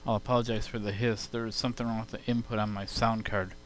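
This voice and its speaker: Recorded through a hissy home computer sound card, a man gives a casual software demo, explaining each step in turn. His pitch is fairly low and stays mostly level, and he moves at a quick pace.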